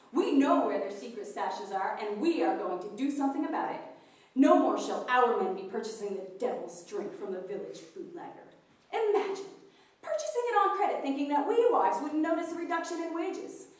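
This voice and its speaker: A woman's voice: high-pitched, a little mellow. A woman playing a prim, fiery village temperance crusader in a live theatrical monologue, preachy, indignant and declamatory. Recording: very echoey, distant live performance recording.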